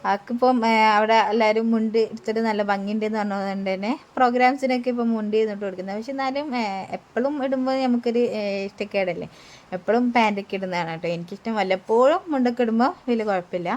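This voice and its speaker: Fast-chatting young woman. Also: a little high, darkish tone. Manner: chatty, tags many sentences with a friendly "tto" and pauses on "e". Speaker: family vlogger. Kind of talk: casual vlog voice-over narration.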